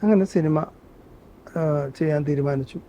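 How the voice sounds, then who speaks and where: A man's voice: a little high, normal speed, warm tone, slight background noise. A man, a guest telling stories in an interview. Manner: earnest storytelling, breaks into song. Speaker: interview guest, actor and singer. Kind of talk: conversational interview with sung excerpts. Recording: dull muffled sound.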